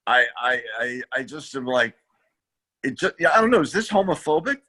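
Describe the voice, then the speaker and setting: Animated, bright-voiced male co-host. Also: medium pitch, fairly quick. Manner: self-deprecating, stammering restarts. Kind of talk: casual comedy chat.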